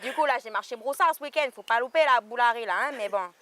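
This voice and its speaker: A woman playing a laid-back rural bush dweller with a New Caledonian broussard accent, drawling slowly. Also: a little high, fairly bright tone, close to an everyday voice.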